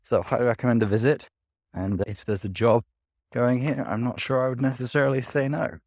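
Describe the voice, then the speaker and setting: Walking outdoors in a city park, a vlogger talks to his camera in a steady, medium-pitched, slightly mellow voice at a brisk pace. He wanders from point to point and keeps hedging with "kind of" and "sort of." The recording is dry and clean, like a studio.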